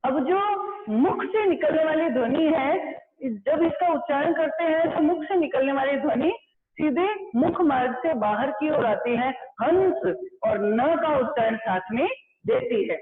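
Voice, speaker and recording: A woman teacher giving an online grammar lesson, explaining slowly and repeating key points to her students. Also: sits high. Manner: slow, repeating explanations, addressing students as beta. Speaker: school teacher. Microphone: blackboard class recorded. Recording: tinny phone-like sound with crowd noise.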